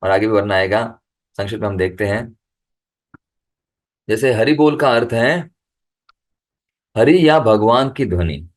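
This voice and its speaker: A man giving a devotional discourse over a video call, reading letters aloud slowly and then explaining them. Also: fairly low pitch. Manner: chants the holy name in a rising, lifted voice. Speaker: devotional speaker.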